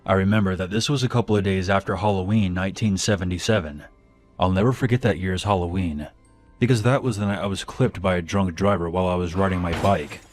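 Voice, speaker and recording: Man, very deep voice, calm storytelling, quiet music underneath. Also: fast. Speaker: narrator. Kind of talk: scripted horror narration.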